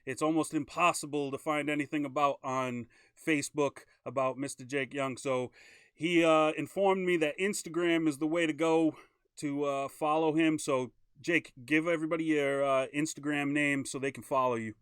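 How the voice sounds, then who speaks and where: A man hosts a casual live-stream interview in an upbeat, chatty way. His voice is smooth and clear, and the sound is dry and close with little room echo. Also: fairly high pitch, steady tone, moderate pace. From Maine. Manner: upbeat, chatty, plugs sponsors. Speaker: host.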